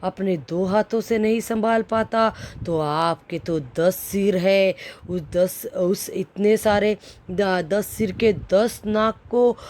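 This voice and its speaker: A woman's voice: medium pitch, steady tone, slow pace, a little mellow, close to an everyday voice. A woman voicing a bold honest young boy. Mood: amused.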